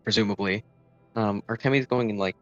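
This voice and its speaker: A man's voice: on the low side, steady tone, brisk, dry recording, highs cut off, soft background music. A man rambling and laughing while playing a tabletop game. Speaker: player. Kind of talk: casual tabletop banter.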